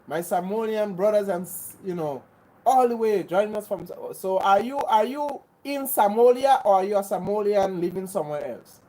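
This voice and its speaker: Poor audio captures a dark, expressive, medium-pitched voice moving at a moderate pace. It belongs to a livestream host from Grenada chatting casually with viewers and answering them, earnest and preachy, with frequent repeats and restarts.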